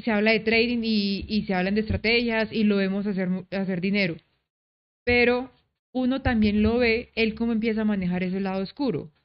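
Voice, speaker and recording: A woman talks through her trading experience at an easy middle pitch. She is reflective and leans on everyday examples to make her points. The recording sounds slightly dull and lo-fi. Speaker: trader guest. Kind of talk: casual chat.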